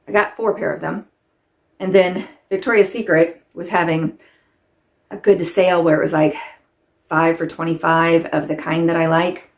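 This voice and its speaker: A woman's voice: lowish voice, vocal fry, a little mellow. A middle-aged woman chatting casually to camera while doing her makeup, rambling and filling her talk with "like". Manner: rambling, chatty, many "like" fillers. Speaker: vlogger.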